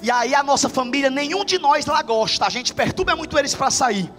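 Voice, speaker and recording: A woman's voice: sits high, animated, brisk, fairly bright tone. A male preacher voicing his theatrical middle-aged mother, who pleads dramatically and tearfully. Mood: sheepish. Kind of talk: acted quotes in a sermon. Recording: reverberant hall with faint music.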